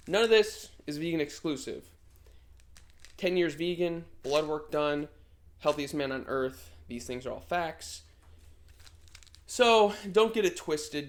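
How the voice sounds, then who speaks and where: A man in his thirties talking in a casual vlog, brash and motivational, swearing freely. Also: on the high side. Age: 30s. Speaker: vlogger.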